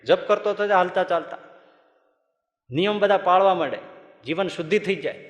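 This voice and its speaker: Man, Gujarati accent, monk's sermon, folksy storyteller, fairly high voice, echoing hall. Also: moderate pace, lo-fi sound. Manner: folksy, animated storytelling with laughter. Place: large hall at a gurukul. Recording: echoey hall with long reverb.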